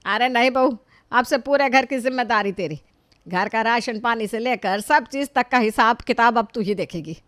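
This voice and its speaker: A woman's voice: a little high, moderate pace, no room sound, studio quality, natural voice. Woman doing a bossy, scolding mother-in-law. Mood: commanding. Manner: loud, harsh scolding.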